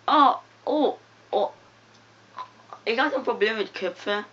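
A young woman giving casual, excitable commentary while playing a game, mumbling one moment and yelping the next. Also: mid-range voice, measured pace. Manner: excitable, giggly, swings from mumbling to loud yelps. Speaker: gamer. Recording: dull lo-fi home recording with faint noise.

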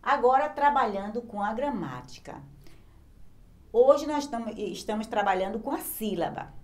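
A woman's voice: a little high, animated, normal speed, a little mellow. A woman teacher with a Brazilian Portuguese accent gives a remote lesson to young children. She explains patiently and sounds out words syllable by syllable. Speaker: primary school teacher.

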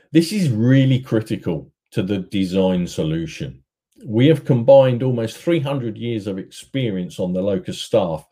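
Mellow-voiced man giving a sales talk. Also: breathy edge. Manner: steady, rehearsed sales pitch. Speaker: business development manager. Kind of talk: conference presentation. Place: indoor room, webcam inset.

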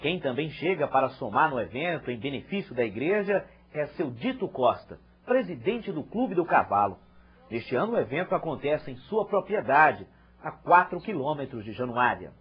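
A man's voice: on the high side, big pitch swings, normal speed, husky. A Brazilian man reading scripted news narration as a reporter. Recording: dull lo-fi TV audio.

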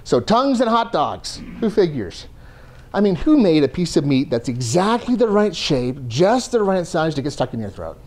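A man's voice: fairly high pitch, big pitch swings, moderate pace, darkish tone. A man teaching a first aid class to a room, conversational and joking as he explains. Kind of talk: classroom lecture.

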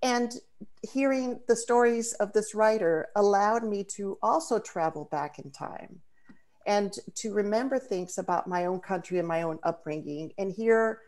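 A woman from the Dominican Republic, a native Spanish speaker, hosts a video call event thoughtfully, with frequent fillers and restarts. Her voice is medium-pitched with a darkish tone.

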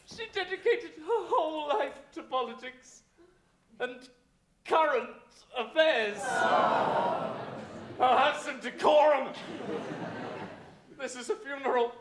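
A woman's voice: high-pitched, expressive, takes it slowly, long pauses, crowd noise. A woman playing a pompous comic mourner in a stage pantomime, declaiming with mock solemnity. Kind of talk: live stage pantomime acting. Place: large theatre stage, indoors. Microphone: distant camera in the audience. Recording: echoey noisy theatre from far off.

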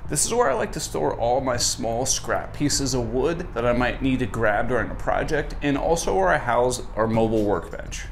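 A man's voice: medium pitch, expressive, normal speed, gravelly, hardly any pauses, a little hiss or hum. A young man in his twenties, host of a woodworking channel, giving a casual, friendly tour of his small garage workshop with a dry sense of humor, on a lapel mic. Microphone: wireless lapel mic.

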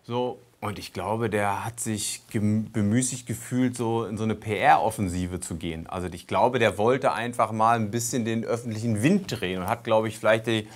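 A man, an investigative journalist, telling stories in a casual podcast chat with lively hesitations. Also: lowish voice, moderate pace, hardly any pauses.

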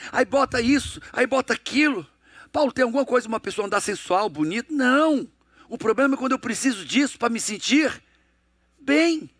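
Middle-aged Brazilian motivational speaker, high-pitched and dry, punchy rhetorical delivery. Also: male voice, no room sound. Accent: Brazilian Portuguese. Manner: emphatic, rhetorical questions to audience; acts out dialogues in a lowered, hushed voice. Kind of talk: motivational lecture.

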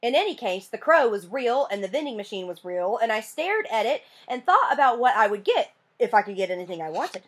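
Animated woman reading a story aloud. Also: fairly high pitch, brisk, hardly any pauses, breathy edge. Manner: expressive, animated narration. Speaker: teacher reading a book aloud.

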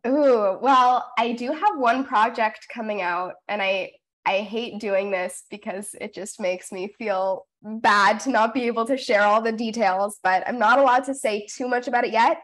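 A bubbly, upbeat young woman who is quick to laugh appears as a voice actress guest in a casual video-call interview. She speaks over a webcam from a home room in front of a blue backdrop, her voice fairly high and a bit bright.

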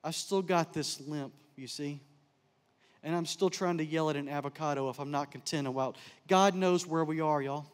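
Animated high-voiced man in a reverberant chapel. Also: moderate pace. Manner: animated storyteller, jokes and laughs with the crowd. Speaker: speaker, counselor. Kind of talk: chapel talk to students. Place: large chapel. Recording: long hall reverb.

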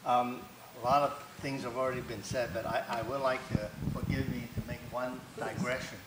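A man's voice: mid-range voice, little pitch movement, moderate pace. Male panelist, wry and digressive, picked up in a roomy space with noise behind. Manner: joking, digressive.

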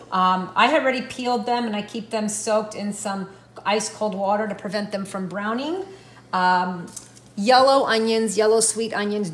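A woman's voice: medium pitch, fairly bright tone, distant mic. A woman in her thirties giving a chatty, instructive home cooking demonstration as a guest chef in her kitchen, talking while she works. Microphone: camera across the kitchen. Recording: echoey kitchen, voice from off-mic, faint noise.

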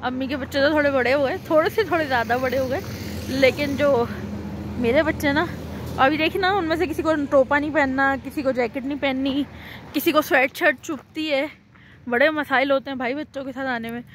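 A woman's voice: sits high, a little fast, background noise. A woman, chatting casually in a travel vlog as a mother out with her family, exclaiming at the views. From Pakistan. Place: outdoors on a cold hill station street.

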